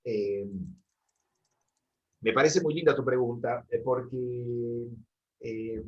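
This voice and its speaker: A photography teacher from Buenos Aires talks with a Rioplatense accent. He answers a student's question in a halting way, with many fillers and repeated words. His voice sits at a mid pitch and comes through dull, lo-fi audio. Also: fairly even intonation. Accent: Rioplatense Spanish. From Buenos Aires, Argentina. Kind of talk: answering a question in an online class.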